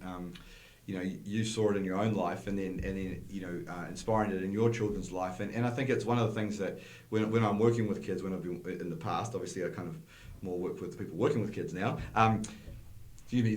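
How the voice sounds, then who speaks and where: A middle-aged man hosting a podcast interview, chatty and quick to agree. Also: on the low side. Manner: chatty, lots of agreeing "yeah"s. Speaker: podcast host. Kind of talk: casual interview chat. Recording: roomy echo.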